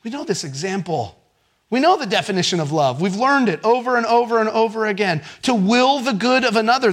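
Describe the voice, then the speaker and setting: Animated pastor, high lively voice. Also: male voice. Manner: animated storytelling, swinging from excited shouts to hushed tones. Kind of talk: sermon.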